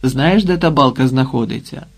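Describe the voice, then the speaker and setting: A steady, reassuring old Cossack elder, voiced by a male audiobook reader with a gravelly, mid-pitched voice. He speaks calmly and without hurry. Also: moderate pace, natural voice.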